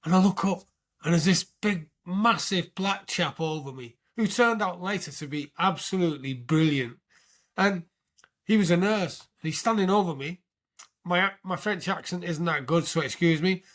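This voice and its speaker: A British man in his sixties tells his story as a guest on an interview show, his voice pitched high. He talks in an animated way and often checks in with the listener. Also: normal speed. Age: 60s. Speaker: podcast guest, military veteran.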